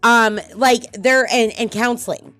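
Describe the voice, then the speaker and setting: A woman's voice: a little high, a little slow, no echo, soft background music. A middle-aged woman hosting a casual podcast, talking bluntly and swearing freely as she tells personal stories. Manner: blunt, swearing, animated storytelling. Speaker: podcast host.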